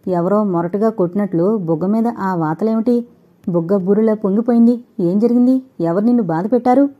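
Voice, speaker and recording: A woman voicing a worried, gentle young man in an audio novel, asking soft, concerned questions. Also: mid-range voice, a little fast, husky, narrow, tinny audio, lightly acted.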